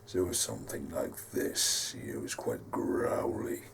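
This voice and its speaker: A man voicing a dark male embodiment of grief and hatred, with a deep, growly voice. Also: measured pace, in a whisper, recorded from a distance, close to an everyday voice. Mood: menacing.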